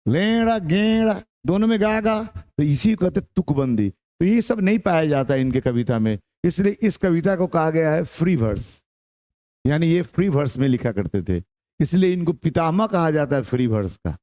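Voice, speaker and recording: A male English teacher with a Bihari Hindi accent gives a classroom-style lecture in a fairly high, warm voice with lively intonation at normal speed. He drills pronunciation by repeating words, mixes in English terms, and asks students if they've understood.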